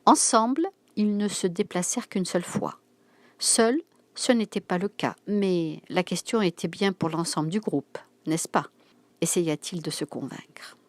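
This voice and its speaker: A woman reads a novel aloud in a steady, clear storytelling manner. Her voice sits on the low side for a woman, and the recording is close and dry with no room sound. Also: a little slow, no echo. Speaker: narrator.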